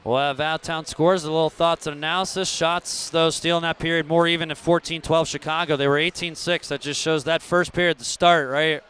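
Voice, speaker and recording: Male hockey play-by-play voice, smooth and resonant, slightly high, conversational live commentary. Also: flat delivery, brisk, few pauses, fairly bright tone. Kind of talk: live sports commentary with promotional reads.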